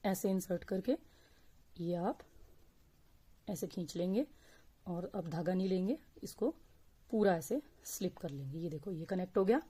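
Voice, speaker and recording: A woman teaching crochet step by step, speaking slowly and patiently and counting stitches aloud. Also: on the low side, expressive, mellow, breathy edge. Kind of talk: step-by-step crafting tutorial.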